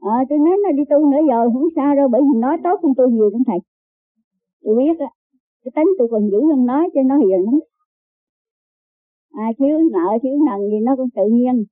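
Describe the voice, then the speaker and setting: A woman's voice: high-pitched, fast, pauses often, dry recording. An older woman calling a radio program, rambling earnestly about her faults and her family. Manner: rambling, earnest confessional talk. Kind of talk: call-in radio talk. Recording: tinny phone line on radio.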